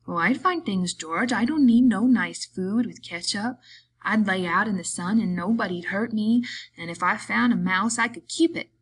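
A woman's voice: medium pitch, moderate pace, breathy edge, close to an everyday voice, low-quality recording. A woman voicing a simple-minded, childlike grown man who speaks in a plaintive, pleading rural way.

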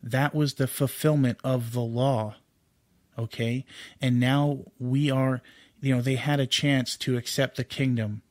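A man's voice: medium pitch, steady tone, a little slow, darkish tone, dry recording, studio quality. A man giving an informal home Bible study, earnest and unscripted, with fillers and restarts as he explains scripture.

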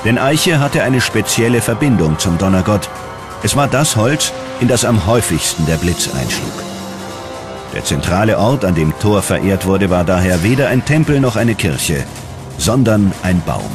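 A man narrates a scripted documentary in a dramatic storytelling manner, his voice low-pitched, sing-song and a little slow. Loud, prominent music runs under the narration.

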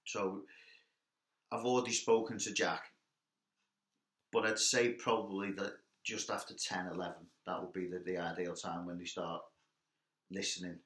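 A man's voice: low-pitched, level tone, moderate pace, pauses often, fairly bright tone. A young man, a guest in a casual interview chat, easygoing with dry humour and some hesitant restarts. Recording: echoey room.

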